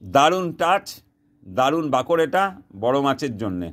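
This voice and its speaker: A man's voice: medium pitch, sing-song, measured pace. A man teaching viewers to make fishing bait in a casual vlog, recorded outdoors, talking in a repetitive, insistent way and sliding into broken Hindi. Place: outdoors, sky darkening before rain.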